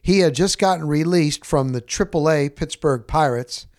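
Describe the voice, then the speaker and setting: This middle-aged sportscaster and podcaster, whose voice sits fairly high, spins a loose, candid yarn at a moderate pace. His telling is lively and salty, and he hammers points home by repeating phrases. There's no echo or room sound in the dry recording.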